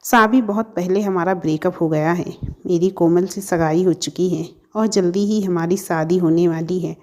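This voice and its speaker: A woman's voice: lowish voice, fairly even intonation, moderate pace, close to an everyday voice. A woman doing a cold, accusing young man. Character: young man confronting his ex-girlfriend.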